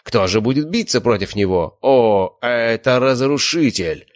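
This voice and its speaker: Man doing a booming arena announcer. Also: expressive, unhurried, dry recording, natural voice. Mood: bombastic. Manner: booming, showman shouting. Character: male fight-arena announcer, bombastic. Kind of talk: audiobook character voice.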